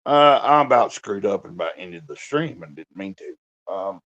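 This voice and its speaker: A man's voice: lively intonation, normal speed, a bit bright. Rambling man on a lo-fi stream. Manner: rambling, talks to his dog in a high coaxing voice. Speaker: livestream host. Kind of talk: casual livestream chat. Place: indoors, lying in bed at home. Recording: dull lo-fi livestream audio.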